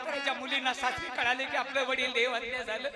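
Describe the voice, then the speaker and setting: A man's voice: extremely high pitch, flat delivery, quick pace. A man delivering a comic devotional sermon on stage, declaiming with jokes and rhetorical questions. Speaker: folk devotional comic performer. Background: loud folk music.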